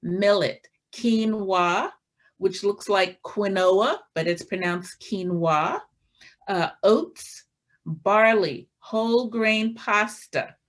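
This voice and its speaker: A woman giving an informal health talk, slowly listing foods one by one with frequent fillers and showing items from her pantry. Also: mid-range voice. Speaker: health presenter.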